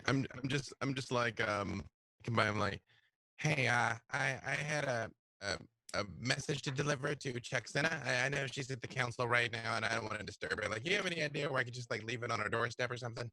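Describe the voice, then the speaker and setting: A man playing a tabletop game over a video call, talking in a halting, chuckling way, his audio choppy with uneven, dropping volume. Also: mid-range voice, bright, forceful tone, dry recording. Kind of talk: casual in-character play over a video call.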